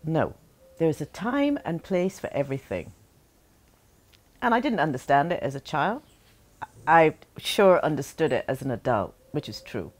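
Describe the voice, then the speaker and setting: Low-voiced Barbadian woman reminiscing. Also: very animated. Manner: halting and heartfelt, many pauses and restarts. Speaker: interviewee, daughter remembering her late mother. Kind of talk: reflective interview talk.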